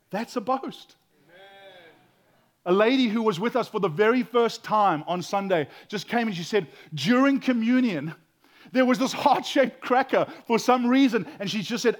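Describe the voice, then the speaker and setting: In his sermon, a high-pitched, loud pastor veers between hushed tones and loud cries, stammering and repeating words often.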